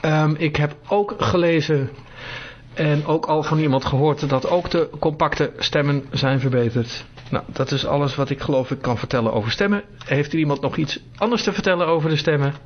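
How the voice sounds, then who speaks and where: A man's voice: on the high side, normal speed. Guy demoing stuff to a group, lots of ehms, dull lo-fi recording with faint hiss. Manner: hesitant, many filler sounds. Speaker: presenter demonstrating phone features to a group. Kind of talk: casual spoken demonstration.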